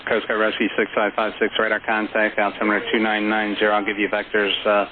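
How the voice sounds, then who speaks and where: Over a muffled, band-limited radio channel with chatter behind, an air traffic controller issues instructions. His pitch is fairly low, his tone monotone, and his pace quick.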